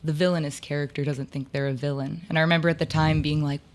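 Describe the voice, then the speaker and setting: A woman in her twenties with a low voice tells anecdotes about her life in theater during a casual interview. She talks in a chatty, lively way and scatters "like" through her sentences. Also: fast talker. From upstate New York. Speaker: theater actor and lighting designer, guest.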